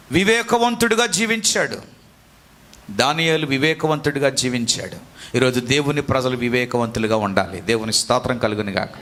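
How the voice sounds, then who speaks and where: Bright-voiced preaching male pastor. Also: a little high. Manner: call-and-response preaching, scolding asides. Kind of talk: sermon.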